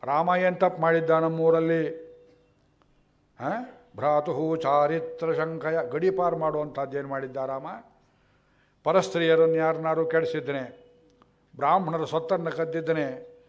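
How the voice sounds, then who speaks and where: A man's voice: fairly high pitch, steady tone, unhurried, pauses often, natural voice. A man voicing a grieving, outraged young prince, pleading and chanting verses with indignation, on a dull lo-fi recording.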